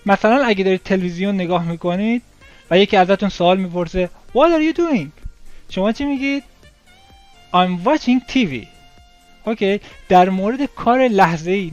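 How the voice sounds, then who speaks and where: High-voiced man teaching English phrases. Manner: explains step by step, repeats English phrases slowly. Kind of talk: casual language lesson. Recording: dull lo-fi sound with faint music.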